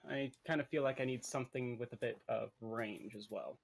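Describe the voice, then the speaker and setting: Faint noise and clicking sit behind a man with a middle-pitched voice. He plays a tabletop game, talking casually. His way of speaking is tentative and polite. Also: fairly even intonation, a little fast, vocal fry.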